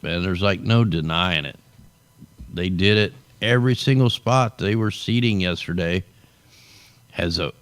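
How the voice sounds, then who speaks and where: Deep yet a bit bright, his voice is recorded with no room sound. He's a show host offering casual weather commentary over satellite maps, weary and going hoarse, speaking loosely and ending lines with a drawled "man."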